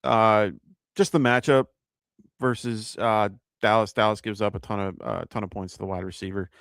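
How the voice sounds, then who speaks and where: A man with a New York accent talks in a relaxed, rambling way, stopping often on "uh" and "um" as he works through his picks out loud. His voice sits low with a gravelly edge, yet it stays smooth and full. The sound is close and dry, with almost no room around it. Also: normal speed, no room sound. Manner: casual and conversational, thinking aloud with many fillers. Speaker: fantasy football show host. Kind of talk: live-stream chat answering viewer questions.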